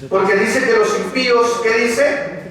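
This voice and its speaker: A man's voice: extremely high pitch, a little slow, a bit bright. A man preaching a sermon to a congregation, often putting rhetorical questions to them. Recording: echoey hall, mic far off.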